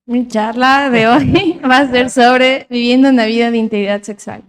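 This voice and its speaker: A woman's voice: a little high, normal speed, clear, resonant tone. A woman working as a live interpreter, relaying a talk a passage at a time.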